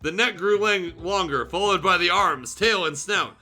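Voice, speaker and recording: A male streamer reads fan fiction aloud with music playing behind him, narrating dramatically yet casually, tossing in asides and small self-corrections. His voice sits high and sounds pushed and bright, at a normal speed.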